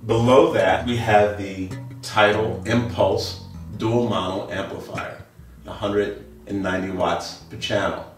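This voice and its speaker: His voice is lowish, a little slow and fairly even in intonation. This middle-aged audio dealer pitches products informally and emphatically, repeating himself a lot, inside a wood-floored listening studio, recorded by a handheld camera several meters away amid echo and background music.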